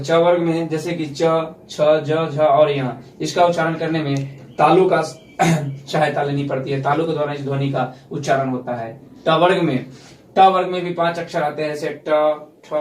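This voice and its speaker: A man's voice: fairly high pitch, recorded from a distance, slight background noise. Man teaching grammar in an echoey room. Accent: Hindi speaker from India. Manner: explains step by step, repeats points. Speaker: school teacher. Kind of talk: classroom grammar lesson.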